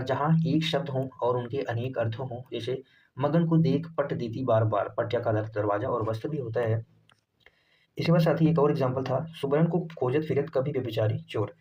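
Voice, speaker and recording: A male grammar teacher talks through an exam-prep lesson and says key phrases again and again as students write them down. His voice is of middling pitch. The recording sounds a little dull, with a faint hiss under it. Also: darkish tone. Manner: repeats phrases slowly for note-taking, addresses students as "saathi". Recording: slightly dull audio with faint noise.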